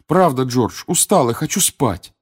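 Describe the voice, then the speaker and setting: A man's voice: mid-range voice, lively intonation, measured pace, breathy edge, pitched above the performer's own voice. A man voicing an earnest, protesting teenage boy wizard in an audiobook. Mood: weary.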